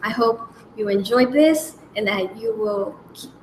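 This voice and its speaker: A woman hosting a language lesson, slowly naming each letter and repeating example words with care. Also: a little high, slight background noise. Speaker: language segment host. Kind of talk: slow, careful alphabet lesson. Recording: echoey room with faint background ambience.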